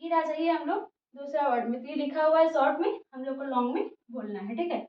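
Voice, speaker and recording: A woman teaches spelling and pronunciation, breaking words apart letter by letter and pausing to ask "okay?" between steps. Her voice is high. It sounds muffled and roomy, picked up from some distance away. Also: a little hiss or hum. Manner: spells words out letter by letter, repeats "theek hai" often. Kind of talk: English spelling and pronunciation lesson. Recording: muffled, echoey room, voice from a distance.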